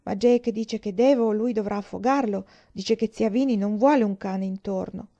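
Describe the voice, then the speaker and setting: Heartbroken storybook boy, played by a woman reader; quiet, hoarse, mellow tone. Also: mid-range voice, normal speed, muffled recording, lightly acted. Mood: sad. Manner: soft and hoarse, then pleading. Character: sad young boy giving up his dog.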